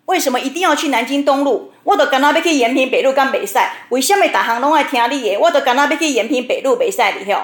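A woman's voice: sits high, big pitch swings, roomy sound, voice pushed up. A woman doing a stubborn, contrary old mother. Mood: indignant. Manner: indignant, rapid retorts.

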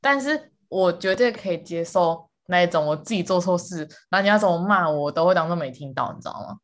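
A woman co-hosting a casual chat podcast, animated and quick to repeat words for emphasis, laughing often. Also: fairly low pitch. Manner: calls herself quick to anger. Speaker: podcast co-host.

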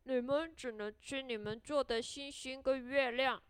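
A cocky little gingerbread man who taunts his chasers in a bouncing sing-song that a woman puts on. His voice is pitched high and sounds dry and close, like a storybook reading. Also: fairly even intonation, unhurried, smooth, no echo. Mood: taunting gleeful. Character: cheeky boastful little male gingerbread cookie.

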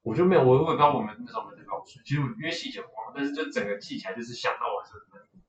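A man's voice: medium pitch, animated, rapid-fire, reverberant, slight background noise, poor audio. A young man, a guest on a casual podcast, telling a personal story in a rambling way, full of restarts. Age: young adult.

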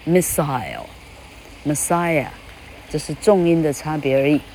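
A woman with a Taiwanese Mandarin accent, chatting casually as an English teacher, often laughing and spelling words out slowly. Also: sits low, fairly even intonation, mellow, a little hiss or hum.

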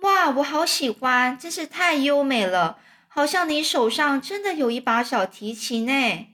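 A woman's voice: sits high, lively intonation, a little slow, sharp tone, pitched above the performer's own voice, exaggerated voice. A woman voicing a curious young boy who asks eager, wide-eyed questions in a children's storybook.

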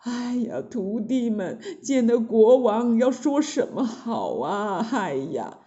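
A woman voicing a gentle, worried monk who frets in a soft, low murmur. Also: big pitch swings, slow, highs cut off. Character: fretful gentle old monk.

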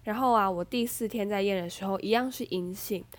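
A young woman with a Taiwanese Mandarin accent hosts a casual podcast, her voice stuffed up from a blocked nose. She retells events in a chatty, animated way, full of fillers and quick asides, at a mid pitch typical for a woman. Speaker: podcast host. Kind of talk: casual storytelling monologue.

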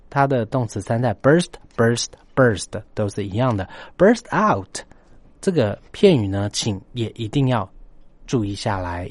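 Male host of a story-based English lesson, emphatic, repeats and spells out key words, animated pitch, dry close mic. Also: no echo.

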